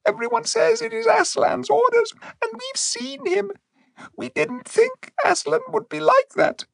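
A squeaky frightened mouse. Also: male voice, measured pace, vocal fry, no echo, exaggerated voice, rough recording. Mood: fearful, plaintive. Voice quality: squeaky, tearful. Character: frightened little mice of Narnia, timid. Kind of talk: audiobook reading.

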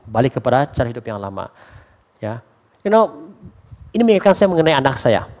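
A man preaching a lively sermon as a pastor, slipping English phrases into his talk. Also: mid-range voice, brisk. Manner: acts out quoted voices for humor.

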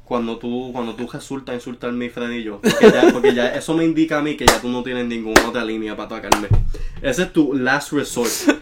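A man's voice: medium pitch, fairly quick, a loud crowd. A man who can't roll his R, joking around as a podcast co-host and switching between Spanish and English. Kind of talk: casual podcast banter.

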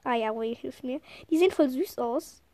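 Excitable young-sounding woman gaming with a cold. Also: high voice, normal speed, a little hiss or hum. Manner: chatty, excitable, giggly. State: has a slight cold. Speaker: gamer playing with friends. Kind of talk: casual gameplay chat.

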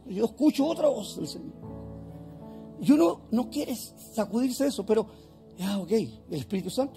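A man's voice: high-pitched, mellow. A male pastor preaching a fervent sermon in a church, firing off rhetorical questions.

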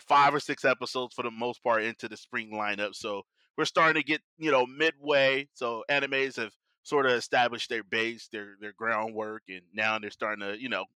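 A man's voice: medium pitch, sharp tone, clear, resonant tone, dry recording. A man hosting a podcast, chatting casually about anime in an informal, slangy, upbeat way. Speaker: podcast host.

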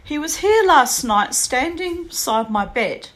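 A woman voicing her elderly Polish mother-in-law, soft and affectionate, calling others darling. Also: high voice, lively intonation, a little slow, pitched above the performer's own voice. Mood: tender. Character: elderly Polish widow, tender and matter-of-fact.

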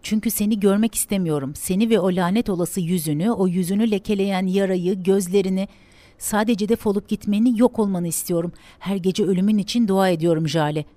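A woman voicing a bitter young woman who shouts hateful words at her twin sister. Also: on the low side, a little fast, no room sound, lightly acted. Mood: furious. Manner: shouting, venomous.

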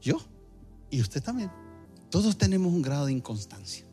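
A man's voice: fairly high pitch, big pitch swings, moderate pace, mellow, faint music behind. A male pastor preaching a sermon, building emphatic phrases that surge and repeat.

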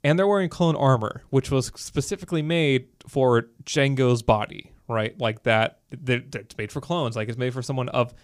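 In a dry, close recording with no surrounding room, a man co-hosts a laid-back podcast. He talks fast and loose at a normal middle pitch, peppering his animated, nerdy chatter with fillers like "like" and "you know."

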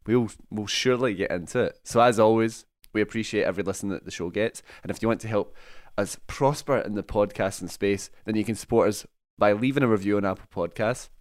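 A man's voice: fairly low pitch, brisk, no room sound, clean studio sound. A young Scottish man hosting a film podcast, joking and laughing often, chatty and rambling. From Scotland. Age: young adult. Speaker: podcast host. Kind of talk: casual film podcast chat.

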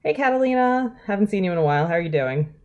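A woman's voice: medium pitch, expressive, fast, darkish tone, lo-fi sound, pitched above the performer's own voice, close to an everyday voice. A woman voicing a friendly young woman who chats with her housemates in a role-play.

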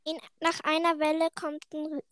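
A young female voice chatting while playing a video game, giggly and easily excited. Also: high-pitched, normal speed, background noise. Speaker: player. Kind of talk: casual gaming chat.

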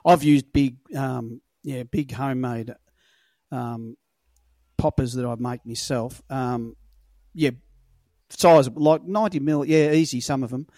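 A slow, mellow, medium-pitched male voice with no room sound. He's an Australian lure fisherman appearing as a guest on a casual podcast, telling rambling stories in a laconic, colloquial way and swearing freely.

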